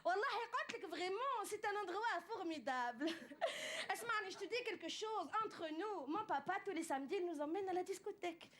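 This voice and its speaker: A woman's voice: very high voice, animated, normal speed, a bit bright. A woman voicing a boastful Tunisian speaker who talks in a sing-song Tunisian accent. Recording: noisy live club recording.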